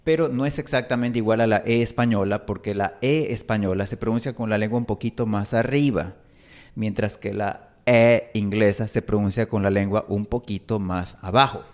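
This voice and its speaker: A man's voice: fairly low pitch, moderate pace, a little mellow. A man teaching Spanish pronunciation, a native speaker who enunciates carefully and draws out his example vowels. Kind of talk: pronunciation lesson.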